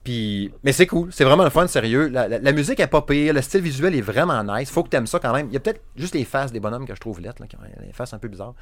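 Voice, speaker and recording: A young man with a Saguenay Quebec French accent talks through games in a loose, rambling way, piling up restarts and fillers. His voice sits at a middle pitch. The sound is dry and close, with no room around it. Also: expressive, quick pace, hardly any pauses, dry recording. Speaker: podcast co-host, game reviewer. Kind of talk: casual chat.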